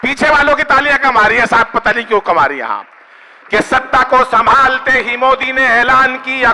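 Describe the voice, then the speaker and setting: A high, bright-voiced man performs stand-up comic poetry into a stage microphone. He banters with the crowd, teases people in the seats and keeps asking for claps. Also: in a large hall. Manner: bantering with the audience, asks for applause. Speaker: stand-up poet. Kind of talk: kavi sammelan comic poetry.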